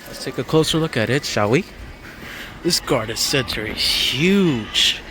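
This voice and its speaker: Speaking unhurriedly in an expressive, mid-range voice, a vlogger chats informally while filming his walk through a large hardware store. Store music plays behind him, along with some background noise.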